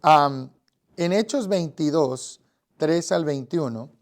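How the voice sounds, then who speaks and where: A man's voice: a little high, takes it slowly. Earnest Guatemalan man teaching. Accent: Guatemalan Spanish. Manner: earnest, addresses listener directly, frequent fillers. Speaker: evangelism teacher. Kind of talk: Bible lesson.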